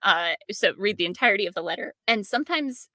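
A woman's voice: mid-range voice, expressive, fast talker, pushed and bright, dry recording. Young woman, podcast host, chatty and laughy, dry close sound. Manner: thoughtful, laughs often, frequent fillers. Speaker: podcast host and documentary editor. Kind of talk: conversational interview.

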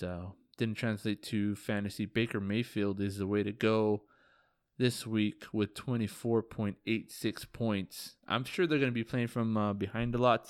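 A man's voice: on the low side, dry recording, clean studio sound. A man hosting a casual fantasy football podcast, joking loosely, swearing now and then and ribbing his league friends while sounding tired. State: tired, yawning. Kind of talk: casual solo podcast recap.

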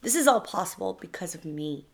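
A woman reading a short story, voicing an abusive, controlling man with a rough, commanding manner. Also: lowish voice, lively intonation, fairly quick. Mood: menacing.

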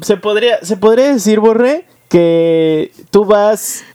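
A man's voice: high-pitched, takes it slowly, crowd noise. Wry Mexican man dropping quips. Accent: Mexican Spanish. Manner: wry quips, joking asides. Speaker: podcast co-host. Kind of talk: casual chat.

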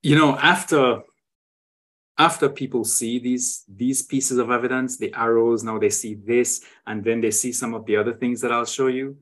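A man talks through his evidence in a relaxed, conversational way, checking in with his listener after almost every point. His voice sits at an ordinary pitch for a man, and he keeps returning to the start of a phrase before finishing it. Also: normal speed. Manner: tag questions, frequent restarts. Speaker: guest sharing travel photos. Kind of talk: conversational explanation.

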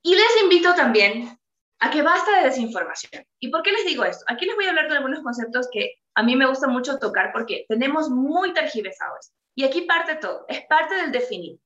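Woman doing a motivational talk, bright higher voice, echoey room, kinda lo-fi. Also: sing-song, brisk. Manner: earnest, rhetorical questions to the audience. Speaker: motivational speaker.

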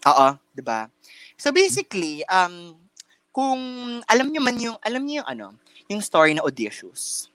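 A man's voice: high voice, huge pitch swings, moderate pace, a bit bright, no room sound. A young man co-hosting a casual podcast, telling a story in chatty mixed Tagalog and English with lots of fillers and campy slang. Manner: chatty Taglish storytelling with many fillers and restarts. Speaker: podcast co-host. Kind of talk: casual chat.

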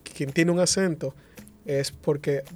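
A man speaking on a discussion panel, measured and careful, restating phrases as he refines his point. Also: fairly high pitch, fairly even intonation, a little mellow, soft background music. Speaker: panel guest.

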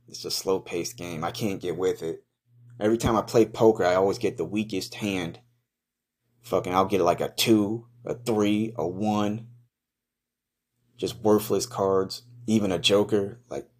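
Deep-voiced man, crude running commentary. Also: a little mellow. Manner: crude, profane, slangy; mocking, blunt. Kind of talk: casual improvised first-person running commentary.

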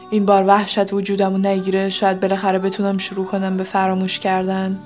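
A woman reading a first-person story in a steady, subdued storytelling voice. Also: medium pitch.

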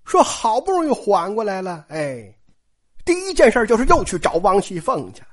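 A woman's voice: medium pitch, wildly swooping pitch, moderate pace. A woman telling a classic novel in a chatty, colloquial storytelling style, often addressing listeners directly.

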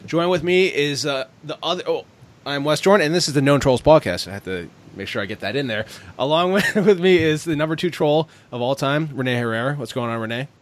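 A man's voice: a little high, a little fast. A man hosting a casual podcast chat, rambling and correcting himself often as he jokes with his guests. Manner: rambling, self-correcting, jokey. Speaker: podcast host.

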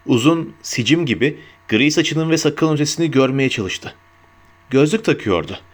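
Guy narrating an audiobook, measured and steady, kinda high voice.

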